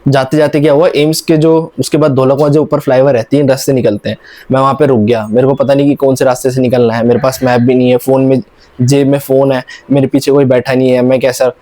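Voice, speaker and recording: A man's voice: medium pitch, little pitch movement, fast talker, mellow. A young man from India telling a rambling, casual vlog story with many restarts. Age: young adult. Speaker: vlogger.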